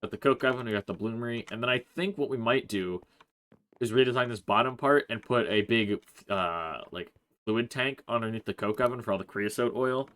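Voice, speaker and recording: A man hosting a Let's Play, chatting through his gameplay in a relaxed, rambling way, thinking aloud with plenty of "uh" and "like". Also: medium pitch, brisk. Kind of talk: casual gameplay commentary.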